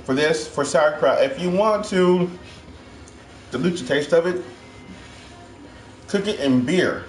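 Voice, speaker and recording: A man's voice: fairly high pitch, slow pace, slight background noise. Upbeat man hosting a kitchen cooking show. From Ohio. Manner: upbeat, chatty, addresses viewers as guys. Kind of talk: casual cooking demo. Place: home kitchen, indoors. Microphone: far camera. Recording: echoey kitchen with music behind.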